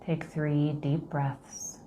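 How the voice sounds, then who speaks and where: Low, unhurried woman guiding meditation. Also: slight background noise, low-quality recording. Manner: low, calm, unhurried delivery. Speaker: meditation guide and host. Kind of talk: guided meditation.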